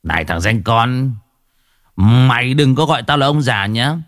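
A man's voice: mid-range voice, lively intonation, measured pace, fairly bright tone, no echo, studio quality. A man playing a bellowing hot-tempered old brute. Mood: boastful. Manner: boastful, swearing, bellowing.

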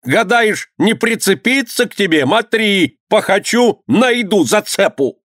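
A man's voice: fairly high pitch, very animated, takes it slowly, no room sound, studio quality, voice pushed up, exaggerated voice. A man voicing a petty, spiteful town governor who screeches and sputters with rage. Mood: furious.

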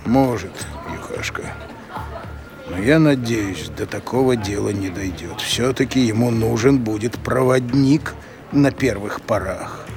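A man playing an ancient, grave undead master in an audio drama, speaking in a measured, ominous way. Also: lowish voice, music in the background.

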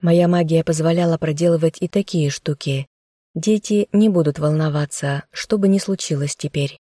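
A woman's voice: sits low, moderate pace, dark tone, no room sound, clean studio sound. A woman narrating a fantasy novel in the first person, reading an audiobook.

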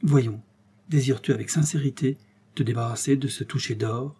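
Man doing a mysterious smiling stranger, calm, knowing, gently questioning, husky, dark voice, storybook. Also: medium pitch, moderate pace, close to an everyday voice. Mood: probing.

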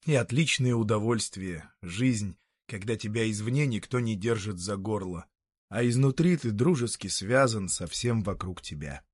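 Calm man reading a story. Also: fairly low pitch, normal speed, slightly rough, no room sound, clean studio sound. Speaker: narrator. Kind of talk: literary audiobook narration.

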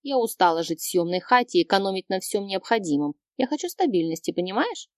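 A woman's voice: mid-range voice, big pitch swings, fast, darkish tone, dry recording, clean studio sound, natural voice. A woman voicing a brash young female friend who snaps back bluntly, in an audiobook reading. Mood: defensive. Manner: snapping, blunt.

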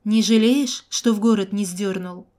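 A hurt young man who snaps short orders through pain, as a woman narrator reads him. He is brusque and clipped. The voice stays mellow, read within an audiobook. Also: mid-range voice, normal speed, natural voice. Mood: strained wry. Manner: curt, barking orders. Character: wounded, gruff young male fighter.

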